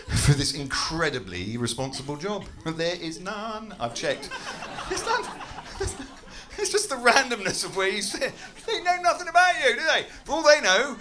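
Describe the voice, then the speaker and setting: An English-accented man performs stand-up on a comedy club stage, his voice sitting high, pushed and bright. The set is chatty, self-mocking and full of swearing, with the audience's laughter audible.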